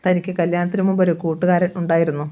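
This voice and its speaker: A woman's voice: fairly low pitch, flat delivery, very fast, dark tone, lo-fi sound. A woman with a Malayali accent reading a novel aloud, voicing every character's dialogue in her own voice.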